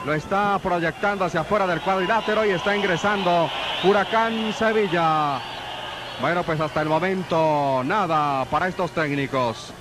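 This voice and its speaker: High-pitched Mexican wrestling commentator, a man. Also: normal speed. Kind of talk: live lucha libre play-by-play commentary. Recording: noisy old TV sports broadcast. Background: arena noise.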